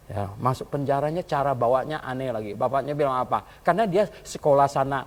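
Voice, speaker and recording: A male pastor preaching a sermon in a colloquial style. He tells a story and often chuckles, and he swings between quiet asides and loud calls to the congregation. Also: mid-range voice, quick pace. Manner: colloquial, chuckles while telling stories.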